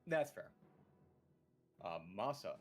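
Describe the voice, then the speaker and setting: Male dungeon master, animated, expressive pitch, casual swearing. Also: takes it slowly, soft background music. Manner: animated, swears freely, narrates combat. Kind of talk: running a tabletop game, casual.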